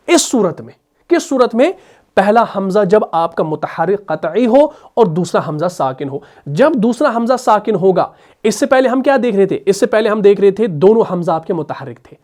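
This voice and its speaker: A male teacher explains recitation rules at a measured pace. He keeps asking rhetorical questions and answers them himself, and he slows right down to repeat sounds for his students. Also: sits high, darkish tone. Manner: drills sounds by slow repetition. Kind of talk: explanatory tajweed lesson.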